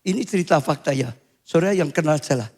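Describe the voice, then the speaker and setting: Older male pastor, high voice. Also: quick pace. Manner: swings to high shouting when acting out cries. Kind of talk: sermon.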